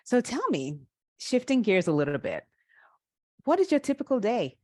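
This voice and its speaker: A woman's voice: medium pitch, big pitch swings, moderate pace, a little mellow, dry recording, studio quality. A woman hosting a conversational interview, encouraging and affirming as she listens and asks questions. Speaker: interviewer, host.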